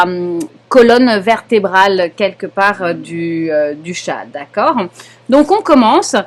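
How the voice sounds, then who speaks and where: A young adult woman with a French accent and a fairly high voice teaches a live online knitting lesson. She explains patiently, step by step, often hesitating and checking in with students with a "d'accord?".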